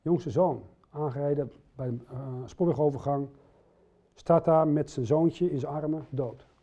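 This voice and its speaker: A man's voice: a little high, a little slow, mellow. A middle-aged man preaching a sermon, speaking earnestly and putting direct questions to his listeners. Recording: dull lo-fi recording.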